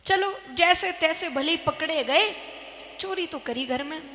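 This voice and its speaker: Animated woman devotional storyteller, slow and bright, recorded in a reverberant hall. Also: very high voice, a little hiss or hum. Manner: animated storytelling, acts out voices. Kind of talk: religious discourse storytelling. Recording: echoey hall with long reverb.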